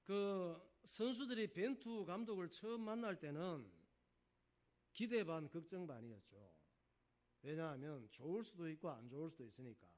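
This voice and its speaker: A man's voice: fairly high pitch, moderate pace. A male pastor telling a folk tale in a casual, folksy sermon. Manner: folksy, animated storyteller. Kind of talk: storytelling sermon.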